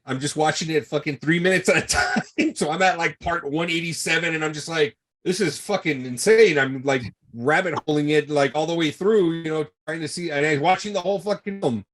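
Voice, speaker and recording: A podcast co-host, a man with a fairly high voice, tells a rambling story in a loose, laid-back way. He swears freely and talks like he's chatting with friends. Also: fairly bright tone. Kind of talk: casual chat.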